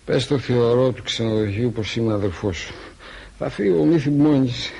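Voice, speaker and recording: Drunk aging painter, husky, slurring, wheedling, radio drama. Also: male voice, medium pitch, darkish tone. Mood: maudlin drunk.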